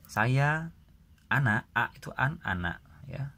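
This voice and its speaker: A man's voice: medium pitch, expressive, takes it slowly, gravelly, bright, forceful tone. A man teaching Arabic grammar, explaining step by step and checking in with his students after each example. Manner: explains patiently, with frequent "gitu ya" check-ins. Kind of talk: classroom grammar lesson.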